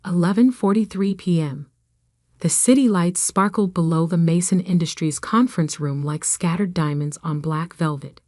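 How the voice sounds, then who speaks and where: Measured woman narrating a revenge story. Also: on the low side, a little mellow, dry recording, clean studio sound. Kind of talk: scripted first-person story narration.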